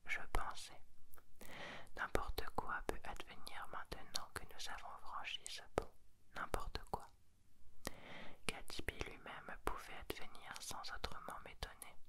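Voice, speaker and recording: A person whispering a novel aloud as an ASMR reader, close and breathy, in a deliberate storytelling manner. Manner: slow, deliberate literary storytelling. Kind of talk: whispered audiobook reading.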